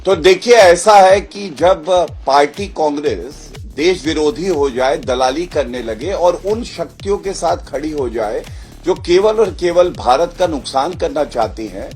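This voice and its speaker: A man's voice: on the high side, darkish tone. A man speaking as a party spokesperson in a TV debate, mocking and accusing his opponent. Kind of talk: TV news debate.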